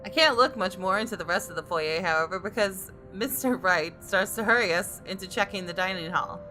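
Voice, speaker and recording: A woman's voice: medium pitch, fairly quick, music in the background, lightly acted. A woman voicing a wry, observant female designer who narrates a visual novel in a dry, reflective manner. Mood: matter-of-fact.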